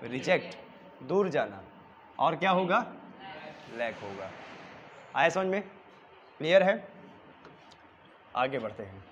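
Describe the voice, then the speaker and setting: A man's voice: medium pitch, sing-song, slow pace, long pauses, muffled recording, slight background noise. A young male teacher who drills exam vocabulary with repeated questions and answers in a coaching classroom. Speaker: English teacher. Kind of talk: exam-prep vocabulary lesson.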